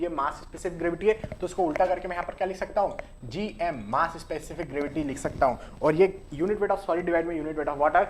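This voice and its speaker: A man's voice: on the high side, a little hiss or hum. A young man giving a live engineering lecture at a whiteboard, explaining step by step and asking rhetorical questions. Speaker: engineering teacher. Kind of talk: live online lecture at a board. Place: classroom at a whiteboard.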